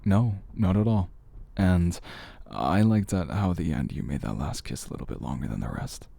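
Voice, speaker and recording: This is a heavily acted, expressive performance: a man voices a confident, flirtatious big brother in close, intimate ASMR roleplay. His tone is deep and dark with a crackly fry, and he speaks teasingly and familiarly, as though nearby. The feel is flirtatious yet reassuring.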